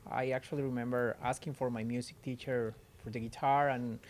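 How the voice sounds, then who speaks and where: A Spanish-native man from Costa Rica, a flamenco guitarist, talking haltingly in an interview and repeating words as he goes. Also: mid-range voice, little pitch movement. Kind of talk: interview conversation.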